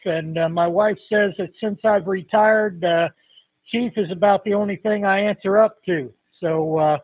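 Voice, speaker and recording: An older man checking in to an amateur radio net, talking in a relaxed, rambling, hesitant way, heard through a tinny narrow-band radio transmission. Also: sits high, slightly rough, dry recording. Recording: tinny, dry radio-link audio.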